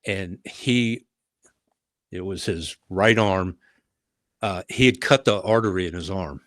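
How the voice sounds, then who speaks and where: A man's voice: deep voice, slow, fairly bright tone, dry recording, studio quality. An older man, a retired police leader, tells a story from his patrol years in a podcast interview, with many uh fillers and restarts. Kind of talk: conversational storytelling.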